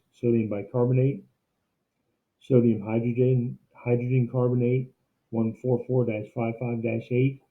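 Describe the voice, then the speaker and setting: A man giving an instructional screencast demo like a teacher, explaining things step by step. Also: medium pitch. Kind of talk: instructional screencast narration, semi-scripted. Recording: muffled, narrow phone-like sound.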